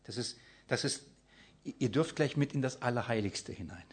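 A man preaching, asking the congregation questions and answering them himself, swinging between loud emphasis and hushed near-whispers. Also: mid-range voice, moderate pace, breathy edge. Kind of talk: sermon with Bible reading.

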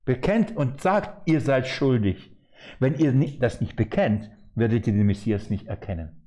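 A man preaching a sermon, emphatic and animated, asking his listeners rhetorical questions as he explains scripture. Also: on the low side, moderate pace. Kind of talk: sermon, Bible exposition.

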